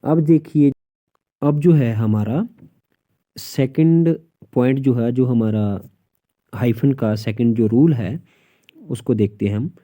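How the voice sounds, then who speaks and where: A man teaching English punctuation in Hindi, reading each rule slowly and then explaining it, often answering his own questions. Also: medium pitch, warm tone. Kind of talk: grammar lesson in Hindi with English rules.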